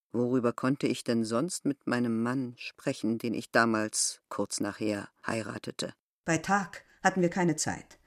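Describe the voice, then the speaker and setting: In a rumbling low voice, a village innkeeper in middle age, proud yet wistful, holds fast to a love from long ago. She speaks with solemn, measured insistence, like a character in a literary radio drama.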